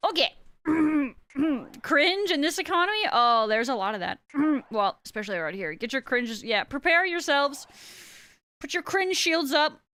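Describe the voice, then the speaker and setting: Bright high-voiced playful woman streamer. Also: lively intonation, unhurried, no room sound. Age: 30s. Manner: exaggerated valley girl slang put on; playful, self-mocking. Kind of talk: casual livestream chat.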